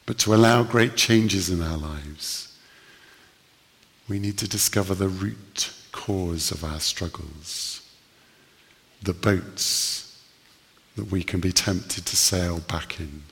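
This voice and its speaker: A man preaching a sermon, telling stories earnestly with slow, emphatic pauses. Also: low voice, gravelly, fairly bright tone, in a large hall.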